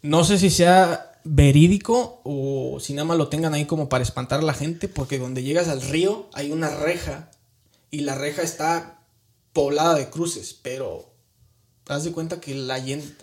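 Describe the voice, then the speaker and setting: A fairly high-pitched male voice with a darkish tone, moving at normal speed, belongs to a guest with a Mexican accent. He earnestly shares a personal story, colloquial and emotional, often restarting and using tag questions.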